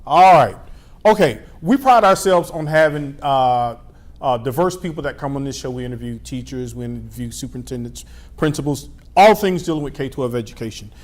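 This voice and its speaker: A middle-aged man with a medium-pitched voice hosts a local TV interview show. He asks relaxed, friendly questions and fills pauses with "uh" and "um."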